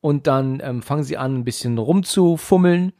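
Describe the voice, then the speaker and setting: A man's voice: medium pitch, moderate pace, dark tone. A man casually retelling a film's plot, talking loosely with many fillers and restarts. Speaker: podcast host recapping a film. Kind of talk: casual film discussion.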